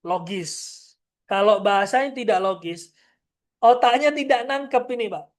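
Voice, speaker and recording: A parenting trainer delivers a seminar lecture in a slightly high voice at normal speed. Her style is direct and firm; she often turns to speak to the parents in the audience and acts out brief parent-child exchanges.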